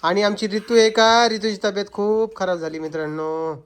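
A man's voice: high-pitched, fairly even intonation, normal speed. A man chatting to viewers in a casual family vlog and coaxing the children. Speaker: family vlogger. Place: crowded family home indoors. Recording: crowded noisy family room.

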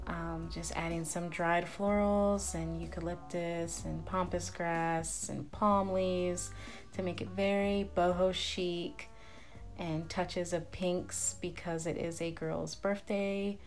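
A young woman speaks in a slightly low register, narrating her vlog casually with fillers and an upbeat, chatty flow. Faint music plays beneath her voice-over. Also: level tone, takes it slowly. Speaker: vlogger and picnic planner.

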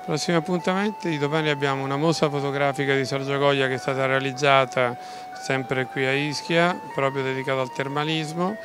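A man's voice: mid-range voice, fairly even intonation, a little fast, background noise. A middle-aged man giving interview answers as an event organiser. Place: outdoor town street at night. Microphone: handheld interview microphone. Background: music, outdoor street sound.

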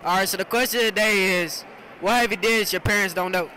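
A man's voice: high voice, steady tone, quick pace, pushed and bright, rough recording. A teenage boy interviewing classmates in a school cafeteria, asking the same question over and over on a phone camera. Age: teens. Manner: repeats the same question, laughs along. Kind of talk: casual street interview.

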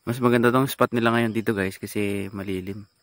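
A man's voice: lowish voice, steady tone, fairly quick, no room sound. Chatty man on a farm vlog. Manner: chatty, calls out to his carabao. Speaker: farmer vlogger. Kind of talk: casual outdoor farm vlog. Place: outdoors on a farm among trees. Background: insects and animals.

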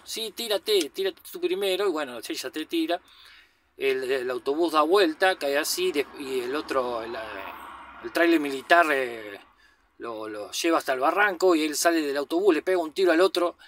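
A man's voice: fairly high pitch, a bit bright, no room sound. A man casually recapping a movie in a loose, slangy way. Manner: chatty, loose retelling with slang asides and fillers. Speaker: film commentator.

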